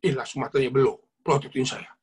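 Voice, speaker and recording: Male preacher, husky voice, storytelling sermon, talks straight to the congregation. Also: mid-range voice, fast talker. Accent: Indonesian. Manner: lively storytelling, addresses listeners as "saudara". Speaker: lay preacher.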